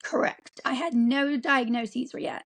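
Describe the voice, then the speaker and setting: A woman of forty, an interview guest, telling her own story in a halting way with frequent ums and restarts. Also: high-pitched, steady tone, creaky, poor audio. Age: 40s. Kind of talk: candid personal account.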